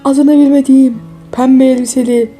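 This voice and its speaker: A woman's voice: high-pitched, little pitch movement, normal speed, warm tone, faint music behind, natural voice. A woman voicing an overwrought soap-opera lover who weeps and pleads during a staged rain scene in her game. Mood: melodramatic. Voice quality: tearful and overwrought.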